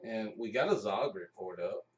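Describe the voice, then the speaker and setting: A man hosts a livestream in an informal, jokey, chatty way, his voice fairly low and at normal speed. The audio is dull, recorded with a distant mic in an echoey room.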